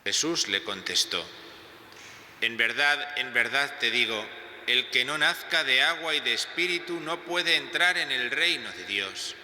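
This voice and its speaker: Bright-voiced priest, cathedral echo. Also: male voice, medium pitch, measured pace. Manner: calm, explanatory preaching. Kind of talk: gospel reading and homily. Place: large church. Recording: echoey church with long reverb.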